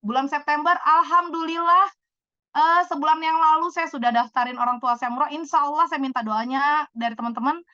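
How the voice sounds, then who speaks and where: A woman in her thirties, telling lively stories in a chatty, animated way as she answers questions on a talk show. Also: sits high, a little fast, dry recording, lo-fi sound. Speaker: business speaker answering questions.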